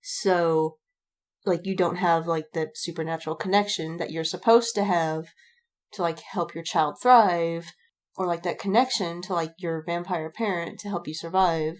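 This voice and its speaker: Speaking at a normal speed in a steady, lowish voice, this woman podcast co-host tells rambling stories in casual chat. She acts out quotes and swears frequently.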